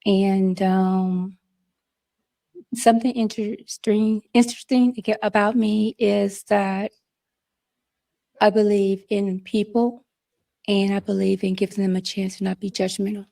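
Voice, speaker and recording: Brief: woman in her sixties, gravelly dark voice, flat earnest delivery. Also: medium pitch, a little slow, pauses often. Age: 60s. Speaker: dating show contestant.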